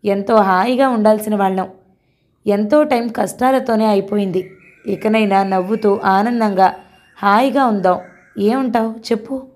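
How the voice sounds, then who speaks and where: A woman voicing an earnest young man who gently pleads and reassures his bride, in a mellow voice. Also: mid-range voice, moderate pace, natural voice. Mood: tender.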